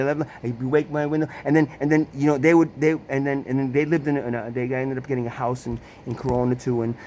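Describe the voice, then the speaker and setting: With a mid-range, slightly mellow voice over slight background noise, a man from Italy shares a casual personal story about his family. He stumbles over restarts and repeated words, swears often, and drops in sarcastic rhetorical questions.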